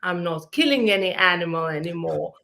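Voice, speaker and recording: A woman from Lithuania with a Lithuanian accent, speaking earnestly as an interview guest, pausing often with fillers. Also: fairly low pitch, animated, fairly bright tone. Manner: earnest, hesitant with frequent fillers. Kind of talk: casual interview.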